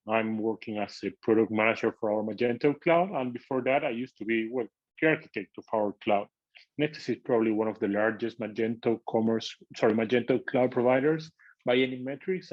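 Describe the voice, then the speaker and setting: A man with an Argentine accent speaks as an interview guest, explaining things in a conversational way. His pitch sits in an average male range, and the recording is a little dull and lo-fi. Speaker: podcast guest, tech product manager.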